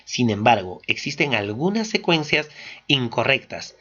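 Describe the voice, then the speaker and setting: A man's voice: mid-range voice, measured pace. A man teaching, walking through exam questions one by one, asking and answering his own questions. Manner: steady explanatory, asks and answers own questions. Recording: dull lo-fi recording.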